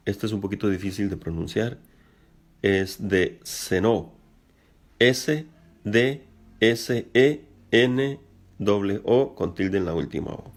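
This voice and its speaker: A middle-aged man preaching a sermon earnestly, spelling out words slowly and addressing his listeners directly. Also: medium pitch. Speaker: pastor.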